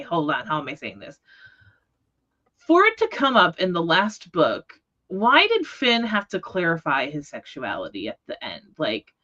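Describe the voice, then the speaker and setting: On an online livestream, a book readalong host chats informally about a book, frequently correcting herself partway through ideas. Her voice is lowish and a little bright, and the sound quality is lo-fi.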